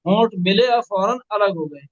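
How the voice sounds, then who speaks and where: High-voiced patient male recitation teacher. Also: animated, dry recording, muffled recording. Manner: patient, corrective, spells out sounds slowly. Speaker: Quran reading teacher. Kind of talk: one-on-one recitation lesson.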